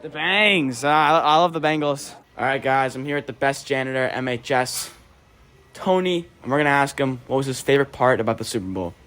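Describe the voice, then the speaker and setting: A teenage boy interviewing classmates and chatting about sports in a rapid, filler-heavy way. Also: mid-range voice, a bit bright. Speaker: student interviewer. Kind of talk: casual sports chat.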